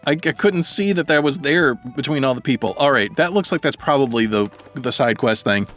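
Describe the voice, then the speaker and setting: A man's voice: mid-range voice, expressive, moderate pace, a bit bright, soft background music. A man giving casual let's-play commentary, thinking aloud and rambling as he plays. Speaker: gaming video creator.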